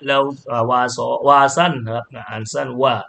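Gravelly-voiced male Quran reading teacher. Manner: explains slowly with repeated polite particles, chants Arabic syllables louder and higher.

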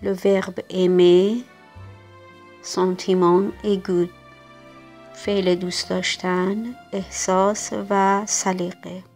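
A woman teaching a French lesson, reading French words slowly and then translating each one. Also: mid-range voice. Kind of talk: recorded language lesson.

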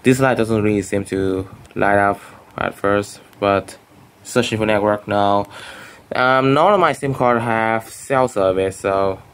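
In his bedroom at home, a young man whose first language is Vietnamese rambles casually through a show-and-tell of his phone collection for a vlog. His fairly low voice is unhurried, full of restarts and fillers.

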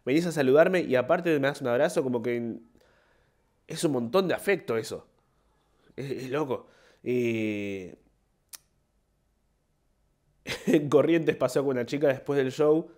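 A young man with an Argentine Spanish accent, a podcast host and comedian telling stories in a rambling, self-mocking casual monologue. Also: medium pitch. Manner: rambling, self-mocking, acts out short quoted voices.

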